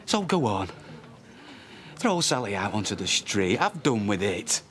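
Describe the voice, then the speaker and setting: A man's voice: lowish voice, big pitch swings, a little slow, fairly bright tone, slight background noise. An actor playing a heartbroken young man, speaking in a bitter, sarcastic way. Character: bitter, heartbroken young man who lost his baby.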